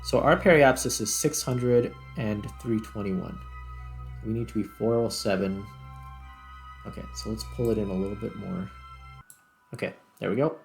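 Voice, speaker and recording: A man hosts a gaming video with casual let's-play commentary, thinking aloud step by step as he plays. His voice is on the low side and gravelly, at a moderate pace with frequent pauses, and background music plays underneath.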